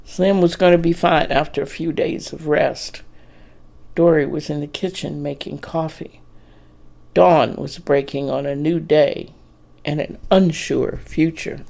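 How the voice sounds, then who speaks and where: Casting: male narrator for a romance audiobook, slow, gravelly, measured. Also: on the high side, steady tone, darkish tone. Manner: measured, plain storytelling. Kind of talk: scripted narration of a romance story.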